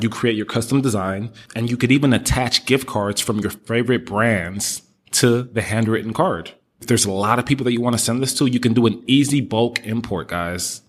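A man hosting a business podcast, upbeat and motivational, talking straight to his listeners. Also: medium pitch. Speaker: podcast host. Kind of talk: casual business podcast talk.

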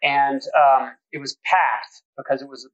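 A man's voice: medium pitch, fairly even intonation, a little slow, fairly bright tone, lo-fi sound. A middle-aged man, a guest architect, telling casual stories with many restarts and fillers. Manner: rambling, full of restarts and "like". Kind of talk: casual storytelling conversation.

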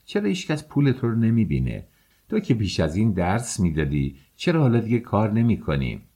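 A man's voice: lowish voice, wildly swooping pitch, mellow, heavily acted. A man doing a chatty servant woman. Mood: teasing. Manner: chatty, blunt questions. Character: chatty hunchbacked female servant, blunt and teasing.

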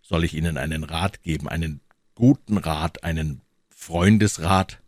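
Gruff old captain, voiced by a man: deep, subdued, grave warnings, dry read. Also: a little slow, darkish tone, no echo. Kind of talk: audiobook character voice.

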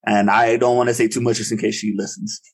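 A young man on a podcast with a somewhat low voice. He rambles through his thoughts in a casual chat, hesitating and restarting often. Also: little pitch movement, fast, husky. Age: young adult. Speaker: podcast co-host.

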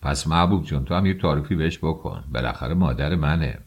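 A brusque, irritable young husband with a deep, husky voice, as a male reader plays him. He scolds and argues in an audiobook drama. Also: heavily acted. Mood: persuading. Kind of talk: audiobook character reading.

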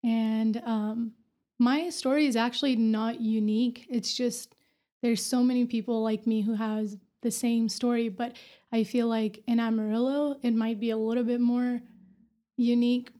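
A woman's voice: on the high side, flat delivery, a little slow, mellow. A woman in her twenties from Afghanistan, a medical student giving earnest, plainspoken answers as a podcast guest. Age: 20s. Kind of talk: casual interview.

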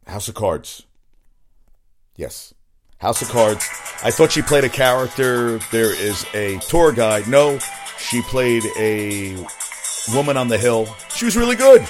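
A man's voice: mid-range voice, takes it slowly, soft background music. A man hosting his own sports podcast, rambling casually from topic to topic and swearing freely. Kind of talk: casual solo sports talk.

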